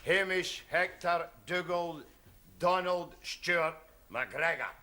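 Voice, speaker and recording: A man's voice: a little high, takes it slowly. An actor with a broad Scottish accent playing a cheeky, chummy man student in a 1970s sitcom. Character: cheerful Scottish man student, cocky joker. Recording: hissy old TV broadcast.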